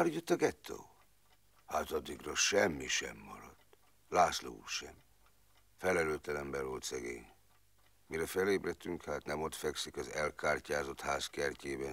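Film monologue: a rueful former footballer, very deep, gravelly, rambling in a dry close sound. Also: male voice, a bit bright, dry recording, exaggerated voice. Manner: rambling storyteller, clauses strung on fillers. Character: rueful, plain-spoken man recalling wartime years. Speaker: former footballer telling his past.

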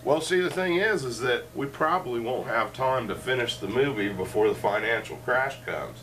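A middle-aged show host leads a casual, joking chat in a cluttered living room, wandering between ideas with lots of asides. His voice is medium-pitched, fairly bright and at normal speed, captured by a fixed camera across the room with faint room noise.

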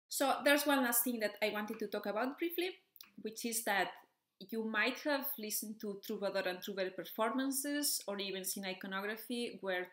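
A woman at an ordinary mid-range pitch walks the listener through a topic step by step. She has the careful, checking-in manner of a music educator. Her voice carries a noticeable room echo. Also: fairly bright tone. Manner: clear, methodical, with frequent "okay" and "so" check-ins. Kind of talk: explanatory video lesson.

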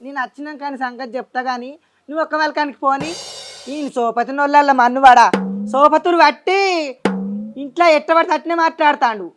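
Woman playing a stern but soothing Telangana village mother, high voice, faint music behind. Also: a little fast, close to an everyday voice. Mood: consoling. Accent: Telangana Telugu. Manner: scolding, consoling. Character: scolding village mother, soothing daughter and berating son.

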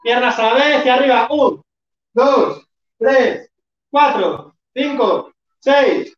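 Counting reps in a live online workout, an instructor with a high-pitched, animated voice takes things slowly, spurring the class on and occasionally shouting. The audio is dull and lo-fi, recorded at a distance in an echoey room.

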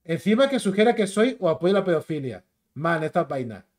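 A man with a Spain Spanish accent delivers a combative, mocking YouTube rant. His voice sits high and swings widely in pitch as he jeers. The tone stays insulting throughout. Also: sing-song, fairly quick, a little mellow. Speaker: YouTube commentator. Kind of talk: ranting commentary video.

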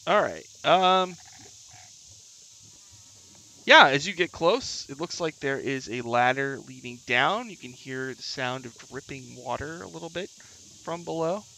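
A man's voice: medium pitch, lively intonation, moderate pace, sharp tone, poor audio. A man narrating a tabletop game as game master, describing things piece by piece in an improvised way.

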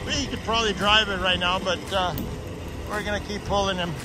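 A middle-aged tow truck driver narrating a casual vlog, explaining each step plainly with lots of "uh" fillers, recorded on a handheld phone outdoors. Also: male voice, sits high, steady tone, a little fast. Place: outdoors on a muddy wooded hillside. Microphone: handheld phone camera. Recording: outdoor phone audio with wind and engine noise. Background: truck engines and outdoor noise.

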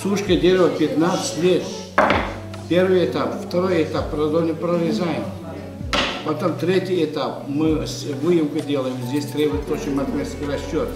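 A man's voice: on the high side, steady tone, normal speed, recorded from a distance. A middle-aged man with an Uzbek accent in Russian, demonstrating his craft in short, practised phrases. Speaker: craftsman demonstrating wooden book stands. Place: souvenir shop, indoors. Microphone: camera a few steps away. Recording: echoey busy shop, off mic, music.

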